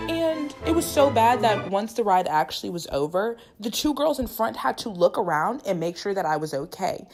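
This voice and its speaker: This young woman vlogger speaks in a mid-range, sing-song voice at normal speed, chatting casually with dramatic jokes and exaggerations. Loud park music and crowd noise fill the background.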